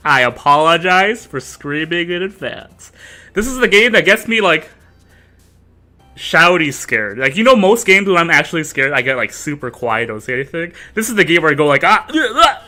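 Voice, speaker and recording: A young man chats through a horror game on his stream, his voice lively and swinging up and down, with a bright, sharp edge and a pitch a little above most men. He rambles and jokes, trailing off into mumbles between louder bursts. Faint game music plays behind him on a desk mic. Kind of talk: casual gameplay commentary.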